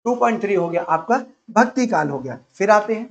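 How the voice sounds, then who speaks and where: A man's voice: high-pitched, animated, fairly quick. A man teaching an exam-prep lecture, listing topics one after another and repeating key points as he explains. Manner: repetitive, explanatory, enumerating topics.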